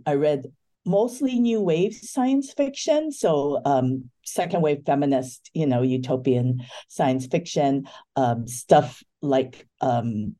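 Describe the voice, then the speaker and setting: A woman's voice: a bass voice, warm tone. A woman in her fifties from Hawaii, a book editor talking as a guest in an interview, thoughtful with many fillers. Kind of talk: casual interview talk.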